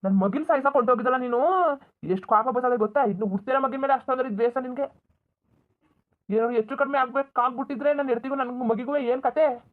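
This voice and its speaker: In a Kannada village cartoon dub, a voice actor plays a furious young villager who shouts bitter words at his family. The voice is high, fast and steady in tone, only lightly acted, and the audio sounds thin and tinny like a phone line.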